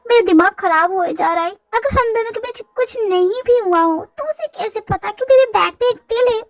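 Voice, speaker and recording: A chatty young heroine, dramatic and fretful, talking to herself at a rapid clip, as a woman voices her in a fan dub. Her voice is very high. The sound is dry and close. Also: no room sound. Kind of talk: Hindi fan dub, one reader voicing all.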